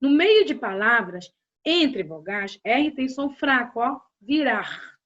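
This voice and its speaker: A woman teacher with a Brazilian Portuguese accent, giving a grammar lesson and talking straight to her students in a slow, deliberate way. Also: a little high, big pitch swings, fairly bright tone. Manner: slow, deliberate explanation addressing students directly. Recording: dull lo-fi audio.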